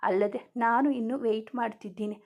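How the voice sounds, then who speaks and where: A woman's voice: fairly high pitch, fairly even intonation, normal speed, darkish tone. Woman voicing a teasing, loving young husband. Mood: playful tender. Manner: affectionate teasing, firm when scolding.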